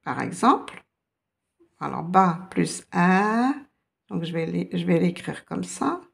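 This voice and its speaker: Slow, gravelly-voiced woman teaching. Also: on the low side, lively intonation. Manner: patient, step-by-step explaining. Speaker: Arabic teacher. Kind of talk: slow beginner language lesson.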